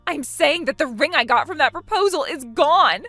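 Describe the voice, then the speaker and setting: A woman voices a spiteful younger sister in her twenties who sneers and laughs at everyone. Her voice is bright and sharp, and it swings widely up and down. Faint music plays underneath. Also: high-pitched, expressive, normal speed, no echo. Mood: panicked. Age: 20s. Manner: mocking, laughs at others. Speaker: character in a voiced text story. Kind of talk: voice acting for a text-message story.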